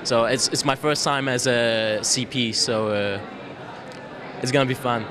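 A young man from Denmark answers an interview in an upbeat, quick way. His voice is mid-pitched, and crowd chatter fills the big hall behind him. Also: fairly even intonation. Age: young adult. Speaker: committee president.

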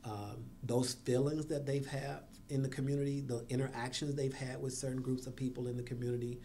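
A man's voice: mid-range voice, little pitch movement, a little fast, mellow, slight background noise. A man speaking as a guest on a school district podcast, earnest, with sarcastic asides. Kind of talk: podcast conversation.

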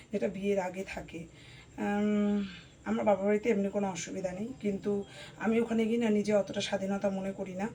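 A hoarse woman chatting casually to her viewers at home while cutting vegetables. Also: medium pitch, warm tone, a little hiss or hum. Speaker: vlogger. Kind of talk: casual vlog chat to viewers.

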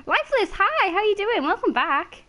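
A woman's voice: very high-pitched, very animated, normal speed, pushed and bright. A woman streaming a game, chatting casually, greeting viewers by name and laughing easily.

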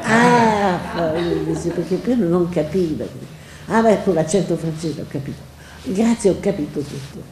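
A woman's voice: on the low side, moderate pace. Older woman telling stories in an echoey hall. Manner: lively anecdotal, quoting others in dialogue. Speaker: guest speaker. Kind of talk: storytelling at a public event. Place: library event hall. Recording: echoey hall, faint noise.

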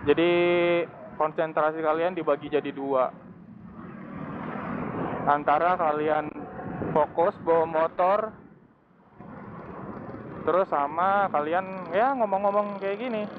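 A man's voice: fairly high pitch, steady tone, slow, pauses often. A young man chatting casually while riding a motorcycle through city traffic, slangy and laughing often, through a wired mic inside his helmet. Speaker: motovlogger. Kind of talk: casual motovlog chat. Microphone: wired earphone mic from phone into helmet. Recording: tinny phone-like mic with loud traffic noise. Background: traffic and engine noise.

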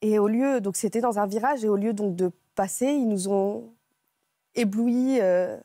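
A woman's mellow, warm, mid-range voice tells a talk-show audience in a TV studio about a personal ordeal. Her emotional telling is halting, full of restarts as she reaches for the right words. It's recorded close and dry on a lapel mic, with no echo.

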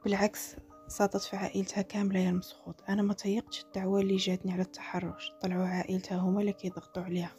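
A woman voicing a tired young man with a Moroccan accent who speaks softly, close to a whisper. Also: medium pitch, completely flat delivery, very fast, soft background music, close to an everyday voice. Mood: calm.

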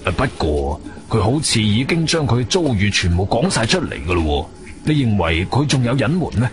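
An actor with a Guangzhou Cantonese accent playing a weary, sceptical police colonel in a radio drama, speaking in a hesitant, official manner. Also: male voice, fairly low pitch, big pitch swings, moderate pace. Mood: cautious. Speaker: supporting actor. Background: music.

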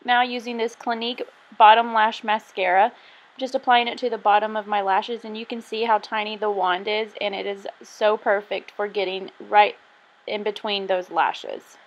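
A woman's voice: medium pitch, little pitch movement, normal speed. Young woman, casual makeup tutorial voice-over, chatty, self-deprecating, slightly muffled sound. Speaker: beauty vlogger.

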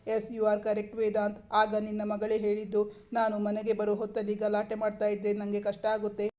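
A woman voicing a shy young wife and mother who gently protests in a romantic storybook reading. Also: medium pitch, completely flat delivery, moderate pace, lightly acted. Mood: pleading. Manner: pleading, mildly protesting.

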